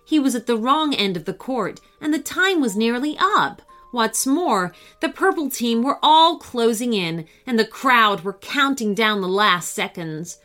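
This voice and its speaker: A woman reads a children's bedtime story with a bright, lively voice, swooping up and down through every sentence. Soft music plays faintly beneath her. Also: a little high, unhurried, hardly any pauses. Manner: expressive, animated. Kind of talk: scripted children's story narration.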